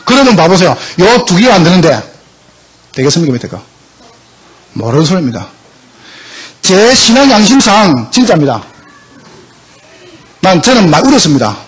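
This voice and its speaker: A man's voice: high-pitched, sing-song, moderate pace, long pauses, husky. A male pastor preaching a sermon emphatically, often asking the congregation questions.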